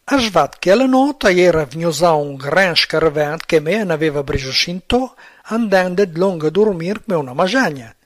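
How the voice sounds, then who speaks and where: A man's voice: a little high, a bit bright, no room sound. A man with an Emilian accent telling an everyday story in dialect. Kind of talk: spoken dialect monologue.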